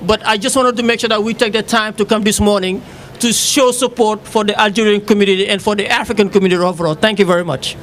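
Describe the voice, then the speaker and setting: A man from Senegal, giving formal remarks as a city office director, halting with many fillers. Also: high voice, steady tone, noisy background.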